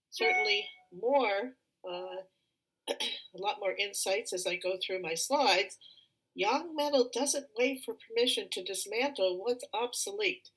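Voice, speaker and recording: A middle-aged woman, a feng shui consultant, gives a slide presentation with many fillers and a lot of throat clearing. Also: mid-range voice, a bit bright, low-quality recording. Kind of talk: live online presentation with slides.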